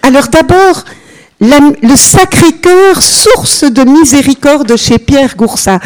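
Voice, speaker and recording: With a little high, somewhat mellow female voice, an elderly Belgian nun gives a relaxed religious teaching to a group in Belgian French. She goes slowly, chats with asides, says "voilà" a lot, and keeps listeners involved.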